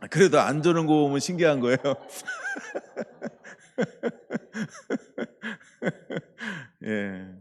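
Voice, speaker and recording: Pastor guy preaching, super animated voice, quizzing the church, echo hanging in a big hall. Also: a little high, very slow, pauses often, breathy edge. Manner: lively, playful preaching with questions to the congregation and acted-out quotes. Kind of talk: sermon.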